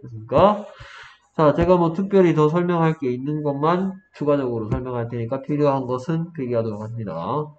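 A man's voice: medium pitch, darkish tone. Man teaching an English lesson, dull recording. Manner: explains step by step, drills with quick questions. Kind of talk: exam-prep lesson, quizzing a student. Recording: dull lo-fi room recording, faint noise.

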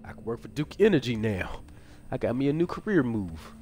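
Excitable swearing male game streamer. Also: mid-range voice, fairly quick, slight background noise. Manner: excitable, swearing, talks to himself and chat. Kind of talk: live gameplay commentary.

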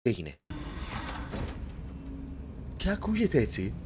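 A young man playing a horror video game, talking to the characters and joking, with sudden shouts when startled. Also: medium pitch, background noise. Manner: animated, jokey, talks to game characters, bursts into shouts. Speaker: gaming YouTuber. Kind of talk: let's play commentary.

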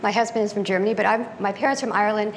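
Speaking at a racing clip in a steady, medium-pitched tone, a middle-aged woman from the US gives a slide lecture as a guest speaker in a conference room. A little hiss or hum sits under the audio. She uses a lectern mic, then a handheld, and talks conversationally with many ums and restarts.

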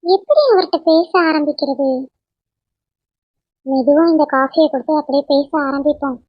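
A woman voicing a young cartoon wife who talks softly and apologetically to her husband. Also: sits high, moderate pace, dry recording, dull audio, close to an everyday voice. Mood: hesitant. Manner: soft, apologetic.

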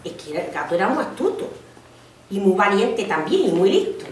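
Parent storyteller, woman, animated and expressive, recorded in an echoey room from a distance. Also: medium pitch, moderate pace. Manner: lively, expressive, with restarts. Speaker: parent reading aloud at school. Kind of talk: storytelling to children. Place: school room. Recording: echoey room, mic far off.

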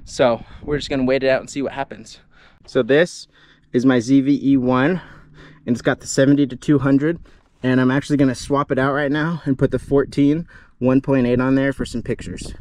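A man's voice: mid-range voice, fairly even intonation, moderate pace, a little mellow. A young man narrating his own outdoor photography vlog, chatty and upbeat, talking into an action camera outdoors while hiking. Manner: chatty, upbeat, explains gear as he goes. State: out of breath at times. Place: outdoors on a desert hike. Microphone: action camera mic.

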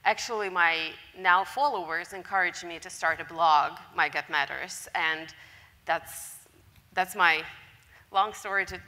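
A woman in her forties is interviewed on a conference stage, with a somewhat low but bright, forceful voice. She talks earnestly, stopping often on fillers. The sound carries a long hall reverb. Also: a little slow. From Lithuania. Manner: hesitant, many fillers, earnest. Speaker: guest microbiologist. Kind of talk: onstage interview.

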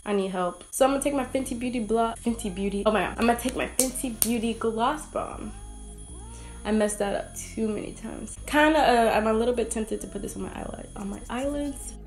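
Chatty young woman with a higher voice. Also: brisk, soft background music. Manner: rambling, self-mocking, giggly asides. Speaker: beauty vlogger. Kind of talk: casual makeup tutorial chat.

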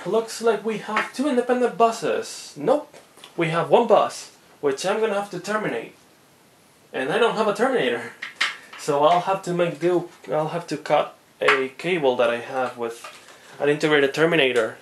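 A man's voice: a little high, animated, moderate pace, background noise. A man vlogging a hardware teardown, rambling as he thinks aloud and often sounding amazed. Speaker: tech hobbyist vlogger. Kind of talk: unboxing and teardown narration.

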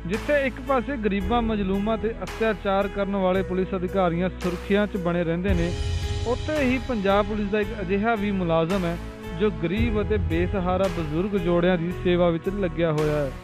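A male reporter reading a scripted news story in an earnest, measured way. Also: high-pitched, music in the background.

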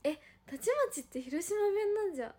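High-voiced young woman with Hiroshima dialect. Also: lively intonation, a little mellow. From Hiroshima, Japan. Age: young adult. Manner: chatty, giggly, drawn-out musing. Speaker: idol livestreamer. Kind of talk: casual livestream chat answering viewer comments.

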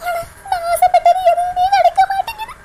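A woman's voice: very high-pitched, steady tone, a little fast, dark tone, soft background music. A woman voicing a heartbroken young woman in a cartoon, talking through sobs and pleading. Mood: tearful. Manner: sobbing, pleading.

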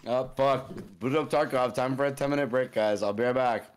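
A man's voice: medium pitch, fairly even intonation, brisk, clean tone. A man on a voice call during a gaming stream, joking in a dry, sarcastic, crude way. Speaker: gaming guest. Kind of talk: casual chat on a voice call. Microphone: microphone on a voice call.

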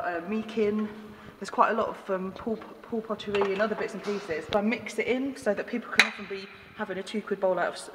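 Chatty woman in echoey kitchen. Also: medium pitch. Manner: chatty, explains recipes step by step. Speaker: cafe owner. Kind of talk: casual chat. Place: home-style kitchen indoors. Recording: echoey kitchen, noisy background.

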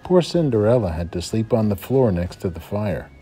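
A male first-grade teacher reading a fairy tale aloud to children, in a dramatic, expressive storytelling manner. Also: on the low side, moderate pace, soft background music.

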